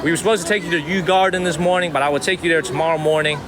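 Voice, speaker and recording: A man with a slightly high voice hosts a live street stream. He rambles chattily and repeats phrases for emphasis, over clear city traffic noise. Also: steady tone, racing, a crowd in the background. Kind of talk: live vlog street chat. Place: outdoors on a busy city street.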